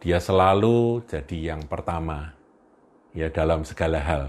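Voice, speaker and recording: Deep-voiced male preacher telling a story. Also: unhurried, darkish tone. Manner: storytelling, chuckling, addresses listeners as brothers. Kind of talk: sermon.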